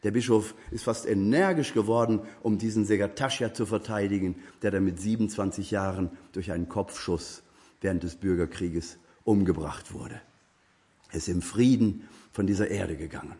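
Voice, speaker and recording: A man preaching a sermon, earnest and exhorting, his voice lifting higher when he urges his listeners on. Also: normal speed, a little mellow, husky.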